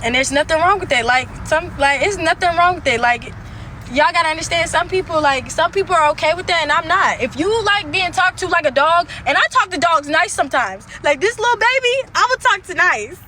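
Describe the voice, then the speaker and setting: A woman's voice: very high-pitched, expressive, a little fast, bright, forceful tone, slight background noise. A young adult woman ranting on a livestream from a car, blunt and profane, circling back over the same points. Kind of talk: livestream rant. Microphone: phone.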